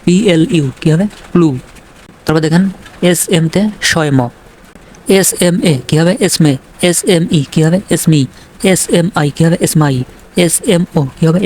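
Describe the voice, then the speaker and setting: Slow-drilling male reading teacher. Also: a little high, a little mellow, a little hiss or hum. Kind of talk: recorded lesson.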